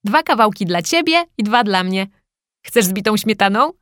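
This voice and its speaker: A woman voicing a friendly, enthusiastic schoolboy who talks in a bright, playful way. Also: mid-range voice, expressive, moderate pace, dry recording, clean studio sound, natural voice. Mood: cheerful. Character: cheerful friendly schoolboy, eager helper.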